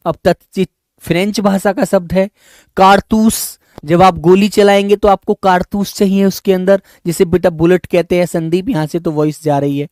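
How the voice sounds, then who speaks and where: High-voiced teacher, dry sound. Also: male voice, steady tone, normal speed, darkish tone, dry recording. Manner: addresses students affectionately as children, frequent "is it not?" checks; explains by listing example words one by one. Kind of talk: online exam-prep class.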